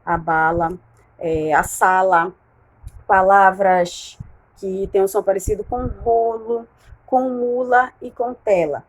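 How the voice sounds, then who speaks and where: A woman's voice: mid-range voice, steady tone, low-quality recording. Woman, Brazilian Portuguese accent, primary teacher, recorded remote lesson, patient, frequent check-ins. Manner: patient, slow over key words, frequent "né?" and "certo?" checks. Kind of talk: recorded class explaining worksheet exercises.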